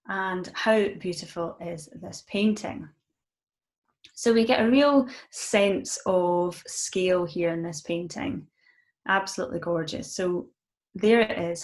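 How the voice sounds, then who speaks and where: A live-streamed guided session is led by a woman from Scotland, a mindfulness coach with a Scottish accent and a lowish voice. She encourages listeners gently, peppering her speech with ums.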